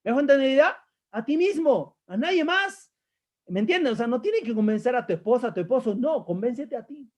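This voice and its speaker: High-voiced man coaching emphatically. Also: expressive, a little fast, darkish tone. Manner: emphatic, repeats key phrases, asks the audience questions. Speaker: life coach. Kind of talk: live-streamed motivational coaching session.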